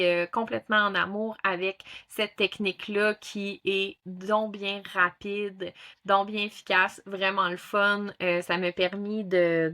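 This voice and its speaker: A mid-range, pushed and bright voice belongs to a woman from Quebec in her thirties, who teaches ThetaHealing. She's chatting casually as an interview guest in a Québécois French accent, filling her speech with fillers and restarts.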